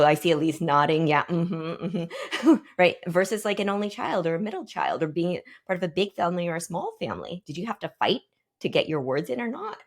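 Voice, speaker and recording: A woman in her forties with a low voice leads a team workshop, thinking aloud and pausing between ideas. She checks in with the group with questions as she goes. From Pacific Northwest, United States. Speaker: workshop guest speaker.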